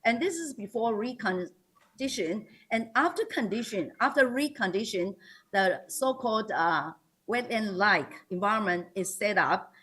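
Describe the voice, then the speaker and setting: In a mid-range voice that is animated, a bit bright and slightly rough, a woman with a Taiwanese accent presents slides formally as a school principal. She keeps hesitating and revising what she says.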